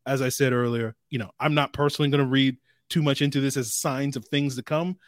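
A man co-hosting a casual sports podcast, talking in a measured way and thinking aloud as he goes. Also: mid-range voice, fairly even intonation, no echo, studio quality. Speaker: podcast co-host.

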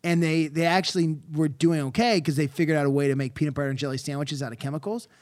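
A man trading improvised comedy banter, animated and quick to jump into silly voices. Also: dry recording, studio quality. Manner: animated, jumps into silly voices and sudden high squeals.

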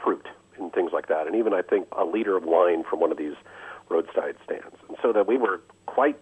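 A man's voice: low voice, sing-song, brisk, slightly rough. A man calling a radio show over a phone line, chatting casually about travel. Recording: dull narrow phone line.

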